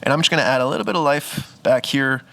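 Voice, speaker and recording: A man's voice: medium pitch, fast, creaky, bright, forceful tone. A man, a photographer, walking through his photo edits in a casual, chatty tutorial, thinking aloud and correcting himself as he goes. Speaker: photographer teaching photo editing. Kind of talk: casual screen-recorded editing tutorial.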